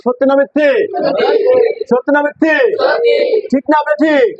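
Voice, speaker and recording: A man's voice: extremely high pitch, no echo, dull audio. A man teaching a classroom English lesson, mixing English and Bengali and drilling students with call-and-response questions.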